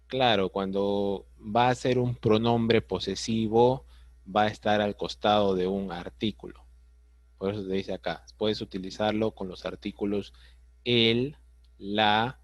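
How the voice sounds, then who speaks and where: Slow, low-voiced male teacher. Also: no echo. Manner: patient, explains step by step, frequent checks like "¿sí?" and "¿ya?". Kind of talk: online grammar lesson.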